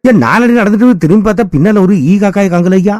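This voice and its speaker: Tirunelveli tamil guy, high voice, rambling folksy radio ad talk. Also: fast, a little mellow. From Tirunelveli, Tamil Nadu. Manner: chatty, folksy storyteller. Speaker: radio ad character, Mobile Vaayan. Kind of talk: scripted radio ad monologue.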